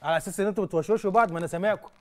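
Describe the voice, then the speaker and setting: A man's voice: high voice, rapid-fire, crowd noise, close to an everyday voice. A man playing an exasperated Egyptian customer. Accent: Egyptian Arabic. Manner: insistent, keeps questioning. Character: exasperated male customer demanding answers. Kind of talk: comedy sketch acting.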